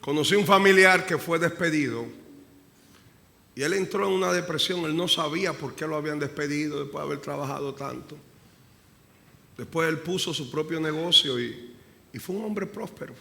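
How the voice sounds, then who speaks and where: A male pastor preaching a sermon with passion. He swings from hushed prayer to loud emphasis and repeats phrases to drive them home. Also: a little high, normal speed, creaky. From Dominican Republic. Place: church sanctuary. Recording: live church recording with long reverb and faint room noise.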